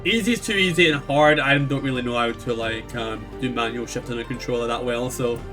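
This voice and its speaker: A man's voice: mid-range voice, a little fast. A man with a thick Scottish accent, chatting casually through a game he plays, rambling with lots of fillers. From Scotland. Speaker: gaming YouTuber. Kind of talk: casual let's play commentary. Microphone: echoey home mic. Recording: slightly echoey mic, faint game music.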